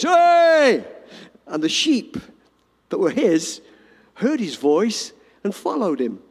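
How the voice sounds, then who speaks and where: A male pastor preaching a sermon, moving from loud urgent emphasis to hushed storytelling. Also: high-pitched. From Australia. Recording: long hall reverb.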